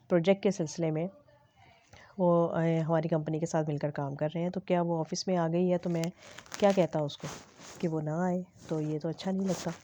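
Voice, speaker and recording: Low, mellow-voiced woman retelling a drama. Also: dull audio. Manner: hesitant, many filler sounds, unhurried. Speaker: drama review presenter. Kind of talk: casual retelling of a TV episode.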